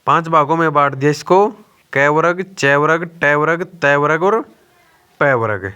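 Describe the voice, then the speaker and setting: A young man teaches an exam-prep grammar lesson at a deliberately slow pace, drilling the letters one by one. His voice sits a little high for a man and comes across smooth and clear. He poses questions and answers them himself, calling his listeners brother. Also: sharp tone, muffled recording. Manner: addresses listeners as brother (bhai).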